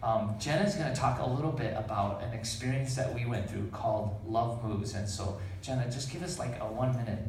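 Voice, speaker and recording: A man giving an informal church talk, explaining in a halting way and repeating phrases as he goes. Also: medium pitch, darkish tone. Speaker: church speaker introducing others. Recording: very echoey room, distant mic, faint noise.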